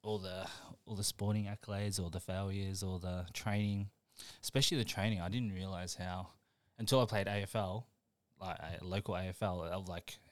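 A man's voice: low voice, fairly even intonation, normal speed, hardly any pauses, dry recording. A young man, a podcast guest chatting casually, laid-back and laughing often as he trails off mid-sentence. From New Zealand. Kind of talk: casual chat.

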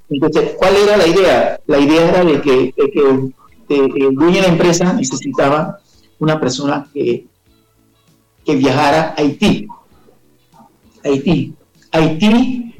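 A man recounts his life as a guest in an interview. His voice sits a little high, and he rambles, circling back with fillers and restarts. The room around him rings with echo. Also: darkish tone. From Panama. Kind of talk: casual storytelling interview.

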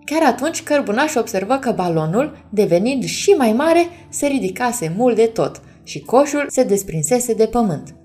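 Woman reading a gentle bedtime story. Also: a little high, very animated, hardly any pauses, soft background music. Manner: gentle, addressing children.

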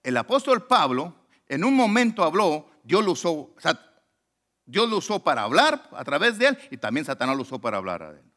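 Male preacher, fairly high and very lively delivery, loud peaks and hushed asides, acts out the story's voices. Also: brisk. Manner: swings from loud preaching to low murmured asides. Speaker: pastor. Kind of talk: sermon.

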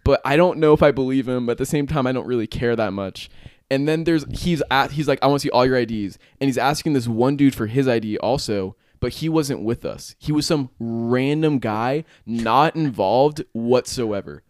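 A man's voice: medium pitch, normal speed, no room sound, studio quality. A man in his twenties hosting a podcast, telling a rambling, profane story in casual chat. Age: 20s. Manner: rambling, profane, animated retelling with frequent laughs. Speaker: podcast host.

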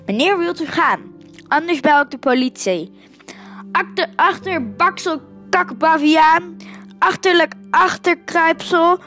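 A woman voicing a grumpy, foul-mouthed uncle who shouts crude insults in a storybook reading. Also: mid-range voice, fairly even intonation, slow pace, faint music behind, lightly acted. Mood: furious shouting.

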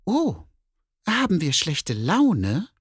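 A man putting on a high sassy cat lady. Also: huge pitch swings, extremely slow, breathy edge, no room sound, studio quality, heavily acted. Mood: curious. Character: cheeky boastful female neighbor cat.

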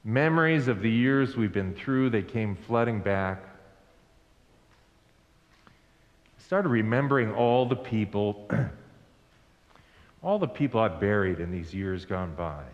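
A male pastor preaching an Easter sermon in a slow, deliberate way. He asks the congregation to repeat lines after him. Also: fairly low pitch, lively intonation, muffled recording. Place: church sanctuary. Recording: echoey hall with long reverb.

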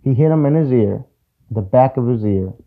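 A man's voice: medium pitch, lively intonation, normal speed. A man hosting a casual sports talk show, giving his opinions in a conversational way and repeating points for emphasis. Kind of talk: casual solo sports commentary. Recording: tinny phone-like audio.

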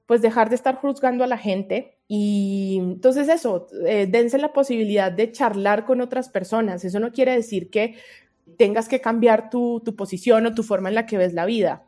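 Earnest and expressive, a woman with a Colombian accent chats casually as a podcast guest, drawing on her work as a researcher to give advice. She has a fairly high pitch and speaks at a normal speed.

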